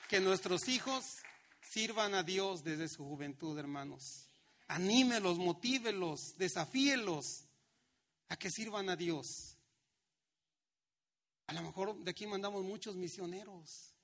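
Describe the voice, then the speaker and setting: A middle-aged man, a pastor preaching a sermon with slow, emphatic lines and acted-out quotes. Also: high-pitched, lively intonation, a bit bright, a faint crowd.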